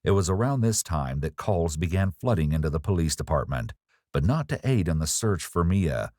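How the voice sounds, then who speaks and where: A man reading a scripted true-crime narration in a measured, ominous way. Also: low voice, big pitch swings, a little mellow, no room sound, clean studio sound. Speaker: documentary narrator.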